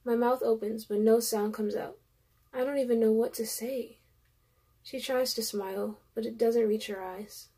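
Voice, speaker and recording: Husky young woman reading a sad story. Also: a little high, steady tone, moderate pace, warm tone. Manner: emotional first-person reading with asides. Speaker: reader of a story.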